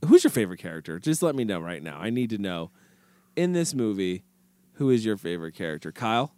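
Playful, smooth-voiced podcast host. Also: male voice, fairly low pitch, sing-song, dark tone, no room sound. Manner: playful, quick to laugh, mock sports-commentary. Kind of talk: casual movie chat.

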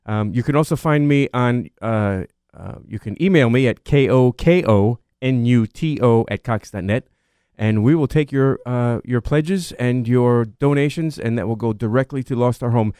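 Man in his sixties, clear voice. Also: medium pitch, moderate pace, dark tone, no room sound, clean studio sound. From Queens, New York. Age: 60s. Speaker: car show organizer and car collector guest. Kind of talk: casual radio interview.

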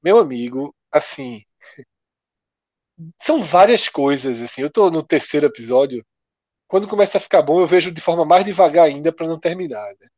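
A man's voice: a little high, lively intonation, a little fast, a little mellow, no room sound. A man co-hosts a casual panel show. His voice rises and falls a lot as he lays out his points in loose, slangy talk. The sound is close and dry. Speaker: co-host.

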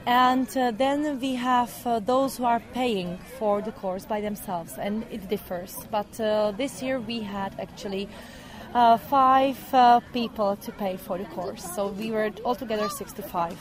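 Hesitant woman with a higher voice. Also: unhurried. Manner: hesitant, frequent fillers. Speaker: programme organizer. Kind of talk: interview answers.

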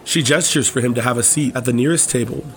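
A man co-hosting a comedy podcast, chatting animatedly and narrating a screenplay, quick to laugh. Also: medium pitch, a bit bright, soft background music. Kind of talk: casual chat and screenplay narration.

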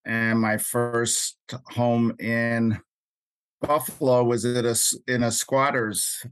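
An older man with a Queens New York accent, recalling things in an interview in a halting way, often pausing mid-sentence. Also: mid-range voice, little pitch movement, fairly bright tone, clear, resonant tone, no room sound. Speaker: interview guest, labor activist. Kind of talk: unscripted interview recollection.

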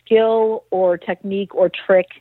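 A woman's voice: medium pitch, steady tone, a little slow, no room sound. A woman who is a social worker, a guest in a conversational interview, talking candidly with self-deprecating examples. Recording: tinny phone-line sound.

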